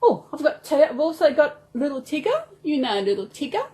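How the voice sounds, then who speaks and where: A doll collector with an Australian accent hosts a storytime channel, rambling affectionately from home to her viewers and to her dolls and toys as if they were alive. Her voice is high-pitched, dark in tone, sing-song and brisk.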